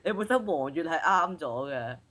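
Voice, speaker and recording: A woman's voice: low voice, animated, normal speed, fairly bright tone. A young woman with a Hong Kong Cantonese accent, speaking casually and playfully as co-host of a challenge video. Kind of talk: casual chat, reading out challenge phrases.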